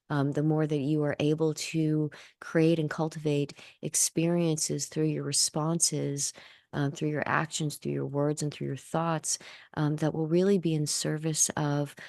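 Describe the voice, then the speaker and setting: A woman with a strikingly low voice speaks as a seance medium and channeler. Her delivery is halting and reflective, with gently formal phrasing. The sound is dry, with little room on it. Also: no echo. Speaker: spiritual channeler and teacher.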